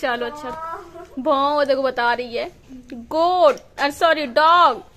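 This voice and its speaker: A woman's voice: high voice, takes it slowly, fairly bright tone. A woman tutoring small children at home, coaxing them with playful questions. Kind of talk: teaching young children at home.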